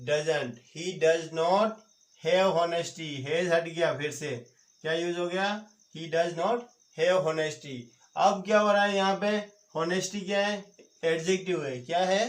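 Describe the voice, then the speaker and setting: Slow, high-voiced man teaching with quiz questions. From India. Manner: quizzes viewers with repeated questions. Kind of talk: online grammar lesson. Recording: roomy echoey home recording.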